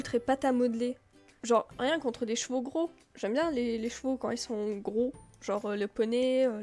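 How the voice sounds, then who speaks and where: A woman's voice: a little high, a little mellow. A woman giving casual, rambling commentary as she plays a video game, with many filler words. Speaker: gameplay video creator.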